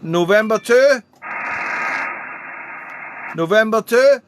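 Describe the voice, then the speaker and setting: A man with a high voice talks slowly, his intonation lively, as he makes amateur radio contacts using phonetic call signs and friendly small talk. Clear background radio noise accompanies the clip.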